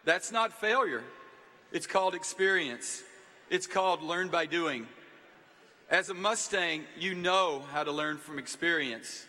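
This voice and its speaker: A university leader giving a rousing commencement speech to a packed venue, calling on the crowd to stand and cheer. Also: male voice, on the high side, a little slow, bright, forceful tone. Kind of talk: commencement speech to a large audience. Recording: long reverb of a large hall.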